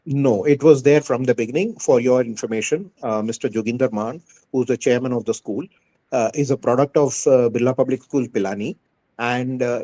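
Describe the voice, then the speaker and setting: A man's voice: mid-range voice, dark tone. A man with an Indian accent giving earnest, emphatic answers in a conversational interview as a school head, often repeating phrases for stress.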